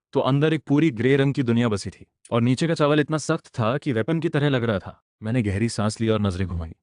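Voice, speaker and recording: A man's voice: lowish voice, darkish tone, no room sound, clean studio sound. A man narrating a comic story in the first person, retelling it with emotion.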